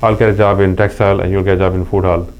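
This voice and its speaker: Here a middle-aged man from Pakistan, speaking with a Pakistani accent, is the guest in an informal interview. His voice sits low and slightly mellow, with little pitch movement, and he talks very fast. He is earnest and anecdotal, with frequent restarts, over a faint mains hum.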